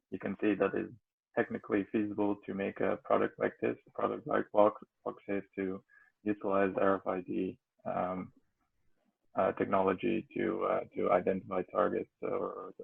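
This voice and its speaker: A male student presenting a project's conclusions in a halting manner with many fillers. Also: lowish voice, creaky, breathy edge. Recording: tinny phone-like audio.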